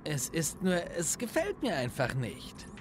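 A young furry alien hero from a video game, quick to doubt and quick to snap. His youthful voice jumps widely in pitch with brash, sarcastic edge. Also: huge pitch swings, background noise. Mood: sceptical. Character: young male furry alien hero, sceptical and hot-headed. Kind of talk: German video game dub acting.

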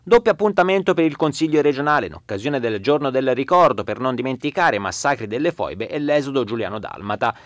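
A man narrates a regional news bulletin at a rapid clip, formal and even. His voice sits in a dry, close studio with no reverb. The pitch stays in a middle register. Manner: brisk, formal reading.

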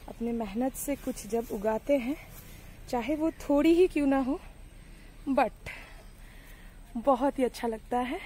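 A fairly high, warm female voice is heard against slight background noise. The young woman is filming a casual garden tour vlog on her handheld phone in a sunny vegetable patch, talking to viewers as friends with many fillers, bothered by the heat and mosquitoes.

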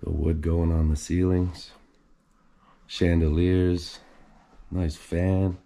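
With a deep, warm voice marked by vocal fry, a man speaks slowly and flatly as he tours an empty abandoned house indoors. He is an urban explorer host, casually narrating, admiring the house, and thinking aloud on a handheld camera.

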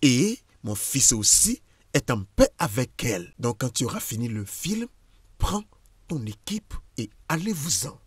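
A man's voice: medium pitch, sing-song, a little slow, slightly rough, dry recording. A man dubbing a stern husband who firmly turns his ex-wife away, in a French-dubbed film. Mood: dismissive. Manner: firm, dismissive.

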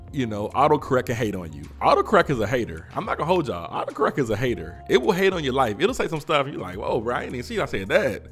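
Male podcast host, lively swinging pitch, teasing and laughing, faint music behind. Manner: animated, laughing often, teasing rhetorical questions. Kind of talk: casual commentary.

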